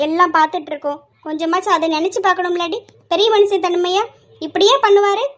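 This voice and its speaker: A woman voicing a fierce middle-aged mother who rants and scolds with sharp rhetorical questions in a homemade family skit. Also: extremely high pitch.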